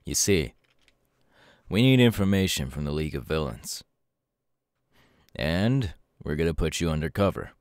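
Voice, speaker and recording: Here a man takes the role of a serious young mentor to a hero, delivering an intimate ASMR roleplay as though instructing a trusted protégé. His low voice is earnest and measured yet animated, and the recording is very dry.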